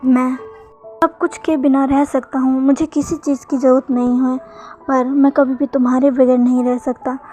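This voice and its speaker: A woman's voice: high voice, flat delivery, normal speed, warm tone, soft background music, natural voice. A woman voicing a tender young man who pleads with his beloved, stammering when worried. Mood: devoted. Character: tender young man, anxious and devoted lover.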